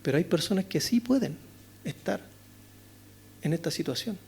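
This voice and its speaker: A male pastor with a high, creaky, husky voice and lively intonation preaches an expository sermon at moderate pace in a church chapel. His Chilean Spanish accent is clear, and he leans on rhetorical questions and a frequent "¿no es cierto?" while shifting from loud to hushed.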